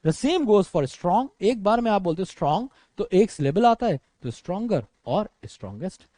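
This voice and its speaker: A man's voice: sits high, normal speed, no echo. A young man with an Indian English accent teaching an exam-prep grammar lesson, calling his students friends and brother and mixing English words into his explanations. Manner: animated, addresses students as friends and brother, mixes English into speech.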